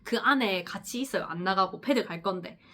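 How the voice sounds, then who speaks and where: A nurse vlogger from Busan, South Korea, chats to the camera in a casual talking-head vlog about her work, her mid-range voice brisk and a bit bright. She tells long stories, laughs often, and acts out the people she quotes.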